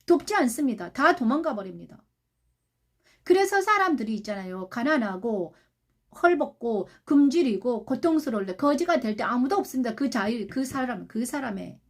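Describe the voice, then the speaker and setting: A woman pastor preaching a sermon, repeating phrases, asking rhetorical questions and moving between soft and loud delivery. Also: high voice.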